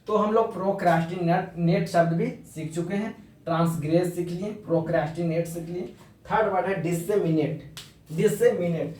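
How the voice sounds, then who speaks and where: A man's voice: high voice, a little mellow, distant mic. Man teaching words in an echoey room. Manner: explains slowly in Hindi mixed with English, repeating words and spelling them out. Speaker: English vocabulary teacher. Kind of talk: informal vocabulary lesson.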